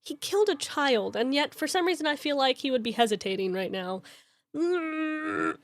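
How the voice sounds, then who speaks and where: A woman's voice: high voice, lively intonation, normal speed, dry recording. A woman player chatting casually between scenes of a tabletop role-play. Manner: laughs easily, chatty. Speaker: co-host player.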